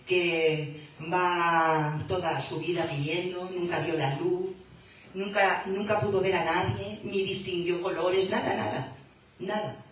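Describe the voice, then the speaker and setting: A woman preaching a sermon in a church, slow and emphatic, rising to fervent calls. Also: on the low side, fairly even intonation, a little hiss or hum. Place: church hall. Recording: echoey hall, voice from far off.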